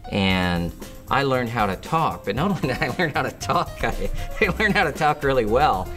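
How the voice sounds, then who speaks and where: A man telling stories in an interview, halting and restarting often with many fillers. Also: mid-range voice, very animated, fairly bright tone, soft background music. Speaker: harmonica player and singer interviewed. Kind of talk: interview storytelling.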